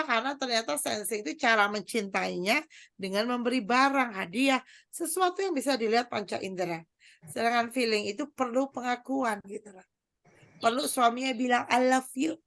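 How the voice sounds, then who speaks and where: Lively gravelly woman giving a parenting talk. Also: a little high, normal speed. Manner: lively, chatty, acts out quoted voices. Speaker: parenting speaker and doctor.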